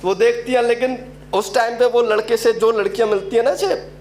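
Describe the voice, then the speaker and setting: A young man doing a stand-up comedy set, telling stories with a UP Hindi accent and acting out characters in quick asides. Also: very high-pitched, fairly even intonation, a little mellow, slight background noise. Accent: Uttar Pradesh Hindi. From Uttar Pradesh, India.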